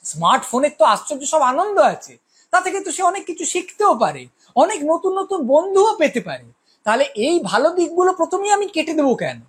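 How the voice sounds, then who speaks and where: A woman giving a measured, reflective spoken essay, reasoning aloud and asking rhetorical questions. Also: sits high, very animated. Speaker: speaker on social issues.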